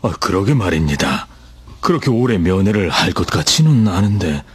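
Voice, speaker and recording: Older church elder, low and very husky, swinging intonation, mild and measured, radio drama. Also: male voice, sing-song, full character voice. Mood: puzzled.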